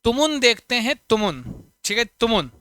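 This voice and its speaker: A man teaching a Sanskrit grammar lesson for exams, chanting sound patterns and firing quick questions at students. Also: extremely high pitch, sing-song, bright, forceful tone, clean tone, dry recording, clean studio sound. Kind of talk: online exam-prep lesson.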